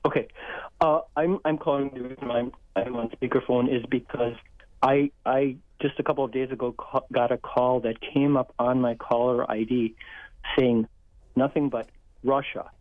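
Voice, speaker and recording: A man calling a radio show on speakerphone, talking haltingly with many restarts. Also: medium pitch, fairly even intonation, no room sound. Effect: on speakerphone over a phone line. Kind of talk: casual call-in question. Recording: tinny phone line.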